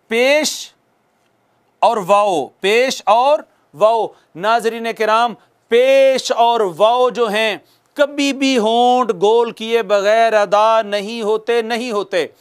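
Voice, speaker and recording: A man teaching Quran recitation, patiently correcting and chanting drawn-out demonstration words for students to repeat. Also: high-pitched, clear, resonant tone. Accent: Pakistani Urdu. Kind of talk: recitation lesson with call-and-repeat.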